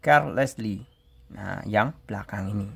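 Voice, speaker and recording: Slow, gravelly-voiced male English teacher. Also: fairly low pitch, fairly bright tone. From Indonesia. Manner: explains step by step, reads example sentences slowly aloud. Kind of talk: classroom grammar explanation.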